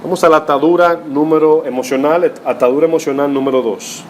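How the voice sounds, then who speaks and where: Pastor preaching with rhetorical tags. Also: male voice, on the high side, fairly even intonation, brisk, a little mellow, a little hiss or hum. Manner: rhetorical, teaching tone with frequent "¿verdad?" tags. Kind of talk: sermon.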